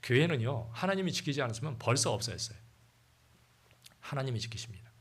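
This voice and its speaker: A male pastor preaches to his church in a casual, conversational way. He tosses questions to the congregation and reads scripture aloud between his points. His voice has a husky, breathy edge at an ordinary middle pitch. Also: very animated, quick pace. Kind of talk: sermon.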